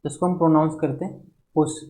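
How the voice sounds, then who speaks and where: Indian guy teaching phonetics for an exam, kinda high voice, reads each question out real slow then explains. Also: steady tone, darkish tone. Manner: reads English questions out slowly, then explains at an easy pace.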